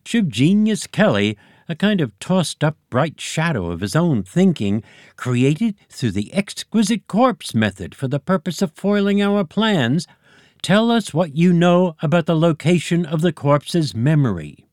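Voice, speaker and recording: A man's voice: a little high, very animated, measured pace, a little mellow, no room sound, clean studio sound, pitched above the performer's own voice. A man reading a story, voicing a pompous, bossy male egg-alien leader who bellows his orders. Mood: commanding. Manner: bellowing, blustering. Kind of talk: audiobook character voice.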